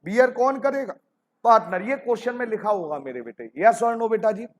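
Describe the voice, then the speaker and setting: A man's voice: high voice, lively intonation, fairly quick. A man teaching an accounting lesson, fondly calling students "beta ji" and asking rhetorical questions.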